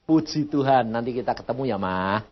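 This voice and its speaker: A man's voice: mid-range voice, animated, a little fast, husky. An older Indonesian-born man preaching a sermon, telling a family story and acting out the voices in it. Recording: dull lo-fi sermon recording.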